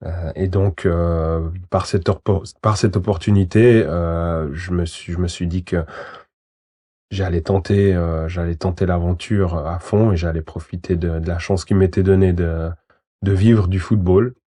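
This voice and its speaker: A Swiss lawyer in his thirties answers interview questions as a guest, hesitating with many fillers and restarts. His deep voice is warm and steady, a little slow.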